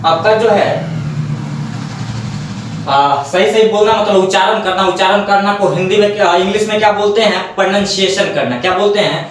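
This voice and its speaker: A man's voice: high voice, moderate pace. A man teaching English vocabulary and grammar in a Hindi-medium classroom lecture, repeating words and checking in with rhetorical questions. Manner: repetitive, drills pronunciation, asks rhetorical checks. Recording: echoey room, voice from a distance.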